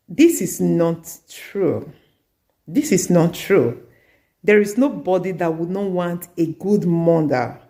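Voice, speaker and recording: A woman's voice: on the low side, dark tone. A middle-aged woman, telling a story in an earnest advice vlog and repeating her points for emphasis. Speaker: community advice vlogger.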